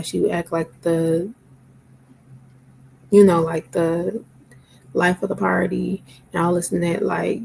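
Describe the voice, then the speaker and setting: A woman's voice: lowish voice, vocal fry, a little mellow, slight background noise, rough recording. A tired, sleepy woman talking casually to camera, rambling with lots of fillers. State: sleepy, yawning.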